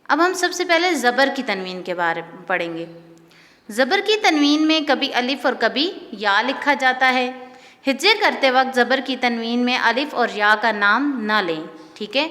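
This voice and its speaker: Slow, drawn-out woman teacher in reverb. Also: on the high side, expressive, pushed and bright. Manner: drills each letter, drawing out words and checking understanding. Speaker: Quran reading teacher. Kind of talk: slow recited lesson.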